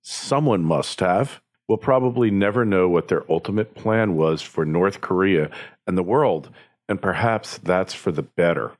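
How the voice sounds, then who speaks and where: An American man hosts a podcast, giving opinion commentary in a partly scripted monologue. He speaks emphatically and with strong opinions, his voice sitting low and his pace unhurried.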